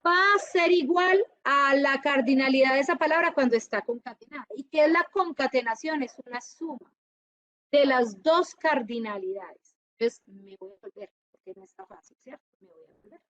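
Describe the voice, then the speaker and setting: A woman teaching a university class, lively and often checking whether her students follow. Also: sits high, normal speed, no room sound, muffled recording. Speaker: university lecturer. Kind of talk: classroom lecture.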